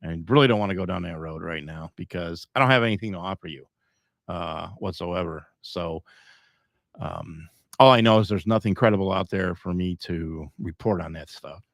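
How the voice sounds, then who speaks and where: A man's voice: sits low, moderate pace, vocal fry, dry recording, clean studio sound. A middle-aged man hosting a live podcast, talking in a rambling, emphatic way with frequent chuckles. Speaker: podcast host.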